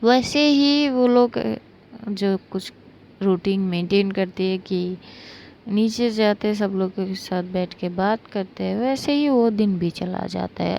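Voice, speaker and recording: Young woman storyteller, unhurried casual narration, gravelly, fillers throughout. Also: medium pitch, dull audio, a little hiss or hum. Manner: relaxed, chatty, with frequent fillers.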